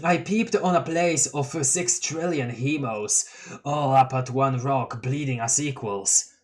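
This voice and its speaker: A man voicing a mellow, laid-back clown troll boy, reading his lines in a slow, drawling, stumbling way. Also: mid-range voice, lightly acted. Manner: drawling, stoned, fumbling over words.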